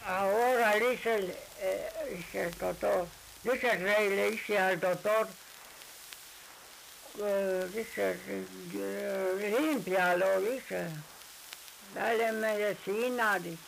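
A man telling a folk tale aloud, rambling and halting, repeating his phrases. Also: high voice, fairly even intonation, vocal fry, a bit bright, a little hiss or hum, poor audio. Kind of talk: oral folk tale storytelling.

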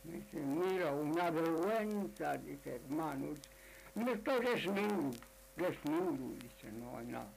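A man's voice: on the high side, animated, takes it slowly, creaky, slight background noise, full character voice. A man voicing a poor young man who protests plaintively in a folk tale.

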